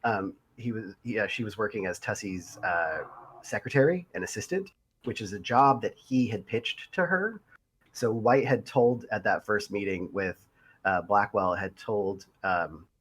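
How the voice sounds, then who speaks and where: A man co-hosting a casual podcast, recounting role-play stories in a halting, rambling way. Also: lowish voice, a bit bright, slight background noise. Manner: rambling storyteller, halting with fillers. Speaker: podcast co-host and role-player.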